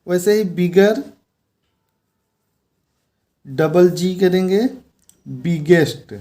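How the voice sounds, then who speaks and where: A man's voice: high-pitched, extremely slow, warm tone. A man teaching an English grammar lesson, explaining patiently and repeating key words as he points things out on a board.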